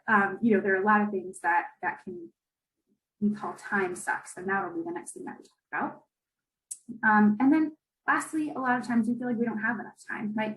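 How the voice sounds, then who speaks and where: A woman's voice: mid-range voice, echoey room, rough recording. A young woman in her twenties giving an online presentation, chatty and informal, often adding "right?". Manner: conversational, with many fillers and "right?" tags. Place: video call.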